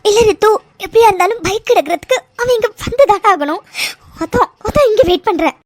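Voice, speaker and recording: A woman voicing a hoarse, fiery young cartoon heroine. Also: very high-pitched, animated, no room sound. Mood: angry. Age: young adult. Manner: fiery, quick to pick a fight. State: hoarse from throat infection. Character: young woman, hoarse, hot-tempered, hardworking. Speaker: food delivery worker. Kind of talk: cartoon serial voice acting.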